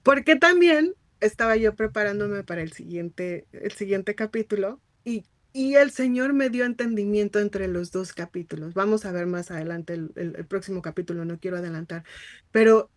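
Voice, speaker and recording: A middle-aged woman teaching Bible study, telling her story haltingly and often starting a sentence over. Her voice sits at an ordinary pitch and is recorded dry, with no room echo. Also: lively intonation. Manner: personal, searching storytelling with many restarts.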